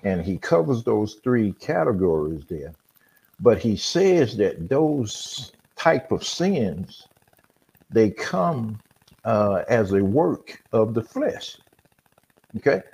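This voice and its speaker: A man talks through scripture in an unhurried, conversational way, like a teacher. His voice sits low and comes across husky. He pauses often with fillers as he explains. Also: very animated, a little mellow. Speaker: podcast host. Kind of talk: casual Bible discussion.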